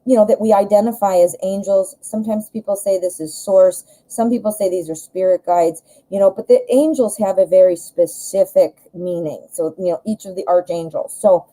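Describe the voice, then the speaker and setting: A Midwestern American woman hosts a live show, giving a casual tarot reading in a mellow, mid-range voice. She's conversational and self-deprecating, often rephrasing in the middle of a thought. The audio quality is poor.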